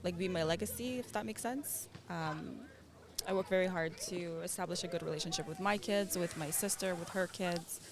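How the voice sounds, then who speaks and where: With a busy public crowd in the background, a stranger on the street chats casually with an interviewer, speaking in a medium pitch at a moderate pace. The speaker is a parent who was born in Russia and grew up in Israel and Canada, and they come across as earnest and reflective, with frequent laughter.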